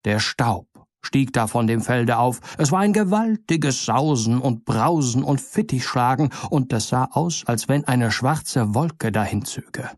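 A man reading an old fairy tale aloud in measured, expressive storybook narration. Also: medium pitch, no echo, clean studio sound.

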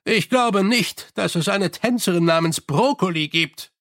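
A man's voice: sits high, a little slow, a bit bright, no echo, clean studio sound. A man doing a flustered, embarrassed old-soldier sergeant. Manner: flustered, uneasy. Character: middle-aged male sergeant, embarrassed and flustered.

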